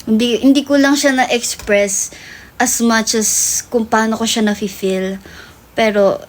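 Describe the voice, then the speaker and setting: A woman's voice: a little high, fairly even intonation, a little slow. A young woman hosting a livestream, telling a long story in casual chat that switches between Tagalog and English and is full of fillers. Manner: rambling Taglish storytelling with many fillers. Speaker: livestream host.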